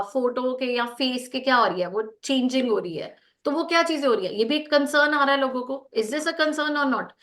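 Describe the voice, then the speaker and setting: A woman with an Indian accent giving brisk corrective feedback and a lecture on a video call, mixing Hindi and English. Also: high voice, sharp tone. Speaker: group discussion trainer.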